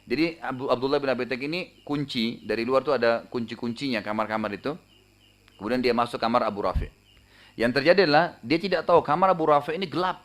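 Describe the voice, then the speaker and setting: A male preacher tells a story in his sermon, talking quickly and briskly at a medium pitch. He keeps it lively, tags his lines with casual fillers and raises his voice when the story calls for shouts. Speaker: Islamic preacher.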